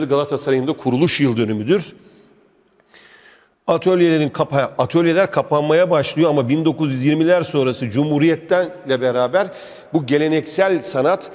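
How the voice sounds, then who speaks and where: Man, fairly high voice, casual tour commentary, talks straight to viewers, long echo of a big indoor hall. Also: a little mellow. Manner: chatty, enthusiastic, addresses the viewer directly. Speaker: travel vlog host touring a museum. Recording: echoey indoor museum hall.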